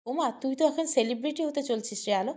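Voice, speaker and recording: A woman's voice: high-pitched, fast talker, a little mellow, lightly acted. Woman voicing an eager pleading young hostess.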